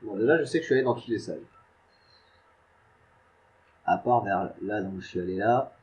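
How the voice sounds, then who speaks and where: Laid-back gamer, mellow low voice. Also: male voice, normal speed, muffled recording, a little hiss or hum. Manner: chatty, self-mocking, mutters to himself. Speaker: gaming YouTuber. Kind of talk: casual gameplay commentary.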